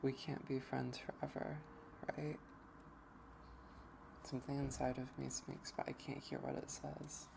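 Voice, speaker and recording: Brief: let's play streamer reading a visual novel aloud, gravelly and slow, mid pitch, game music underneath. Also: flat delivery, background noise. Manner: slow, hesitant first-person reading.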